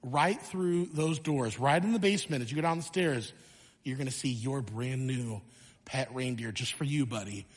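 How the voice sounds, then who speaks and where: A man playing a proud father, lowering his voice into a hushed, eager tone. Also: normal speed, big-room sound, natural voice. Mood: beaming.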